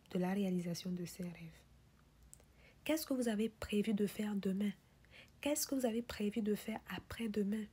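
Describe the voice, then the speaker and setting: Breathy, whispery woman giving a motivational speech. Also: mid-range voice, warm tone. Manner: insistent rhetorical questions and repeated refrains. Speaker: motivational speaker.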